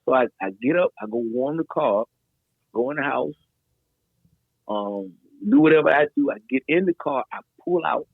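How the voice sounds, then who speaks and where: A middle-aged man, a guest DJ, telling a story in a loose, animated way, full of slang and fillers. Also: mid-range voice, normal speed, creaky, slightly rough, no echo. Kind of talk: casual storytelling in a podcast interview. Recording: dry, tinny phone-like sound.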